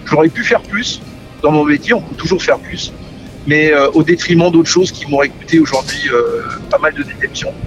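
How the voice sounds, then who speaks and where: Over background music and dull audio, a middle-aged musician talks casually about his career and family, often stumbling and repeating words. His high-leaning voice swoops wildly in pitch at a normal speed.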